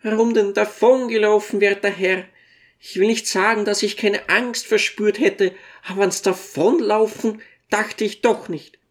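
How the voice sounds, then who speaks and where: A reader voicing a tiny, humble old dwarf who tells his story with gentle deference in an audiobook. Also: medium pitch, steady tone, a little slow, natural voice. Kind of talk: audiobook character reading.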